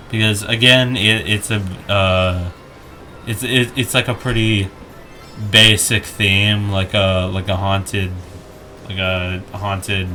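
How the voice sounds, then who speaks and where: A man's voice: lowish voice, pushed and bright. A young man chatting casually while ranking game tracks, rambling with lots of restarts and jokey asides. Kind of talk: casual gaming chat.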